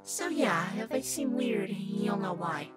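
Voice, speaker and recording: A woman's voice: medium pitch, expressive, slow. A woman voicing an eccentric, apologetic pizzeria puppet who rambles in an amateur plush-toy cartoon. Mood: nervous, apologetic. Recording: loud music behind the voice.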